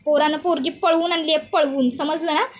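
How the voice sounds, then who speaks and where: A scheming village uncle who taunts his rivals and gloats over bad news, put on by a woman narrator. The voice stays high and bright with a sneering tone. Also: steady tone, brisk, natural voice. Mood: gloating.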